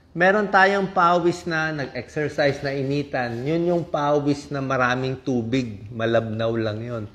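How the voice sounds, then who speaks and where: A Filipino doctor talks through health warning signs in an even, everyday speaking voice. He explains things patiently, one point at a time, and keeps checking in with a quick "okay?". Now and then he briefly takes on the voice of his patients to show how they describe their symptoms. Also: mid-range voice. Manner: acts out patients' complaints. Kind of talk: health advice talk.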